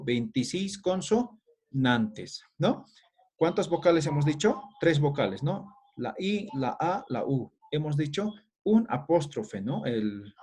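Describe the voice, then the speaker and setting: A man's voice: fairly high pitch, a little mellow, husky. A middle-aged man teaching a language class, explaining step by step and checking in with listeners after nearly every phrase. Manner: explanatory, tag questions after each phrase. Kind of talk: classroom-style lecture.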